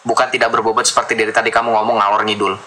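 A man's voice: on the low side, level tone, racing, noisy background. A man hosting a heated religious debate, lecturing and mocking his opponent. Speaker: debate host.

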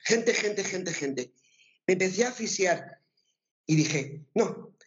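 A woman with an accent from Spain, telling her story as an interview guest in a lively way and repeating words for emphasis. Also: lowish voice, takes it slowly, dull audio. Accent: Spain Spanish. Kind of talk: personal testimony in conversation.

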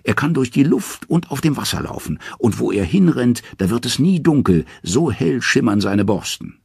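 A man doing a proud gruff dwarf smith. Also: mid-range voice, sing-song, moderate pace, a little mellow, dry recording, clean studio sound, pitched above the performer's own voice, heavily acted. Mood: boastful.

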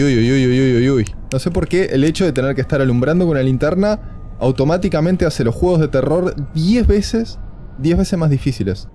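A man's voice: mid-range voice, warm tone, slight background noise. Jittery man doing horror game commentary. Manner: joking, nervous and talkative. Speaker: gaming video creator.

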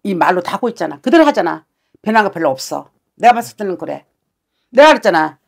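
A woman's voice: medium pitch, very animated, fast talker, gravelly. A woman shaman giving a fortune-telling session, talking bluntly and scolding with coarse words.

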